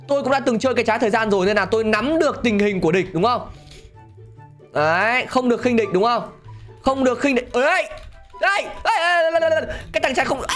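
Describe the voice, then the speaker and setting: A man giving excitable gameplay commentary, laughing often and talking straight to his viewers. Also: very high-pitched. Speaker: gaming channel host.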